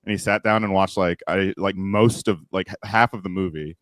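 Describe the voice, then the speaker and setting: A man's voice: low voice, fairly even intonation, fairly quick, a bit bright, dry recording, studio quality. A man co-hosting a podcast, chatting casually and telling a rambling, crude-humored story. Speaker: podcast co-host.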